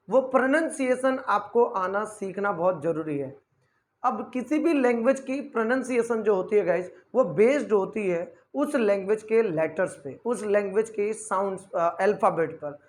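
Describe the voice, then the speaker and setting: Man teaching a spoken-English class. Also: sits high. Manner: explains patiently, keeps calling out "guys", spells words letter by letter. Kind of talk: online spoken-English lesson.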